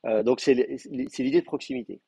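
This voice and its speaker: Man, teacher, hesitant explanations, husky tone, dry close sound. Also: medium pitch, wildly swooping pitch, a little fast, dark tone, dry recording. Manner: explanatory, frequent hesitations and fillers. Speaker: Hebrew teacher. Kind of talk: live class lecture.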